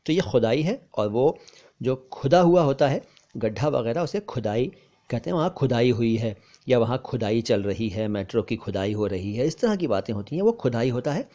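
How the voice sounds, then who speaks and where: A man teaching a pronunciation lesson, explaining words carefully and repeating them slowly so the contrast is clear. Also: medium pitch, dark tone, highs cut off. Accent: Hindustani with careful Urdu pronunciation. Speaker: language teacher.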